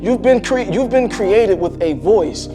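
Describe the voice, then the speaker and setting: A man gives a faith-based motivational talk on public speaking with preacher-like fervor, calling out "come on" and restarting his words. His high-pitched voice is expressive and unhurried, with a clear music bed running beneath it.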